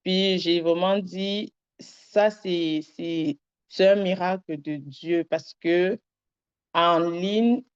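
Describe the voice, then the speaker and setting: A woman's voice: fairly low pitch, drawn-out words, clear, resonant tone. A young woman sharing a personal faith testimony, rambling and earnest with many fillers. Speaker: testimony giver. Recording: dull lo-fi sound.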